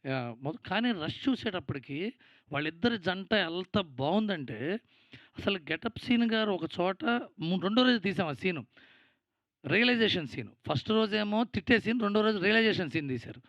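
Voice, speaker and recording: Rambling producer speaking at an event. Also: male voice, high voice, lively intonation, normal speed, a bit bright, dry recording, dull audio. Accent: Telugu. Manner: rambling, thankful, teasing. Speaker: producer giving a speech. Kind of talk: event speech. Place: event stage.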